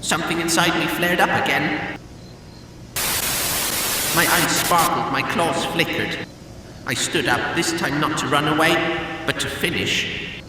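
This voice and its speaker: A man's voice: fairly high pitch, measured pace, pauses often, close to an everyday voice. A man narrating as a haunted, guilt-ridden Pac-Man who has devoured the ghosts, telling the tale in a brooding, grim first-person voice. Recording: distant, echoey hall with faint hiss.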